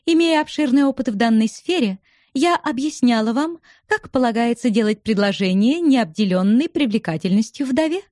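A woman putting on a high teasing young widow. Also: animated, normal speed, darkish tone, dry recording, clean studio sound, close to an everyday voice. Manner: coquettish, bantering.

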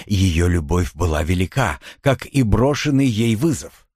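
A man reading a novel aloud as narrator, in a dramatic, expressive manner. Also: medium pitch, no room sound, studio quality. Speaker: audiobook narrator. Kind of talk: scripted narration.

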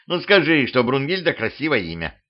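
A man's voice: mid-range voice, sing-song, a little fast, voice pushed up, natural voice. A man doing a mewing, whiny little house spirit. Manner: mewing, pleading. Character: small furry male house spirit, whiny and sly. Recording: slightly dull homemade audiobook recording.

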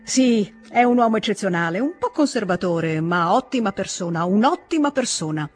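A man's voice: sits high, lively intonation, moderate pace, husky, voice pushed up. A man reading the lines of a jovial, gregarious aristocrat in an audiobook, effusive and exclamatory. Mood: warm praise.

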